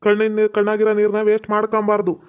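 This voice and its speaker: A man's voice: high voice, monotone, racing, clear, resonant tone, natural voice. A man playing a boastful village doctor. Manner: boastful, reassuring, lecturing. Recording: dull lo-fi sound.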